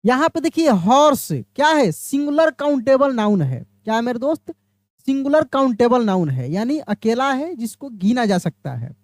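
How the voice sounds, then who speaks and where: A woman's voice: on the high side, lively intonation, no echo. A woman teaching an exam-prep grammar lesson, explaining step by step and often asking her listeners questions before answering them herself. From India. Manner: drawls English example phrases out slowly.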